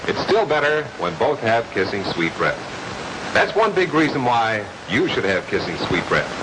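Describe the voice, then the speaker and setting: A man announcing an emphatic, upbeat sales pitch in a 1950s TV commercial, heard through noisy old broadcast audio. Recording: hissy old TV soundtrack.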